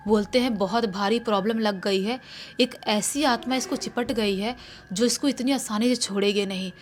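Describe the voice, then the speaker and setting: A woman's voice: fairly high pitch, normal speed, slight background noise. A woman telling a horror story in a casual, conversational way, with restarts and repetitions.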